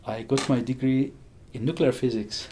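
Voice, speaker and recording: This conversational interview features a Hungarian physicist in his sixties who chuckles frequently and keeps restarting sentences out of enthusiasm. His mid-range voice is warm and at normal speed, over slight background noise.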